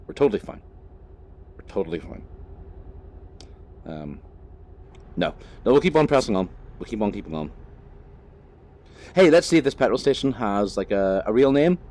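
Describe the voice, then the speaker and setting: This gaming channel host is a young Northern Irish man with a deep, slightly mellow voice. He rambles casually over his gameplay, cursing freely and chuckling at his own expense.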